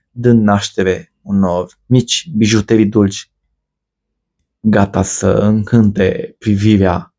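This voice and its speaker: A man giving a measured, ornate, scripted voice-over for a cooking video. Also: fairly low pitch, dark tone. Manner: measured, ornate storytelling delivery. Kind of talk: scripted poetic voice-over narration.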